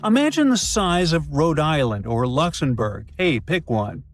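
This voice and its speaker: A man narrates an educational script in a somewhat high, lively voice with a very animated pitch, slipping in playful asides. Soft music plays quietly behind him. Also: unhurried. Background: faint background music.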